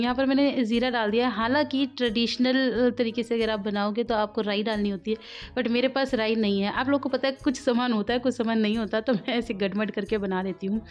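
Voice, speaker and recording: A woman recording a chatty voice-over for her home cooking vlog. She has a sore throat and a cough, laughs often, and drifts into side stories. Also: on the high side. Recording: dull lo-fi voice-over.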